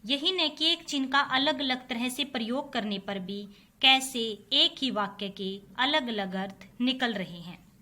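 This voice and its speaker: A woman's voice: high voice, animated, measured pace, pushed and bright. A woman teacher giving a recorded lesson, patiently explaining to children and repeating examples. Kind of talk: recorded online class lesson.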